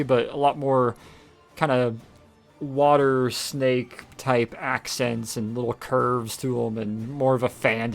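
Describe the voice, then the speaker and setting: A man narrating as game master, animated and laughing often as he counts out rolls and moves. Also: medium pitch.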